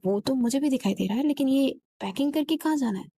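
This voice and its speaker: A woman's voice: high voice, lively intonation, quick pace, warm tone, slight background noise. A woman voicing a stern, commanding young husband who is a police officer, in a spoken romance story.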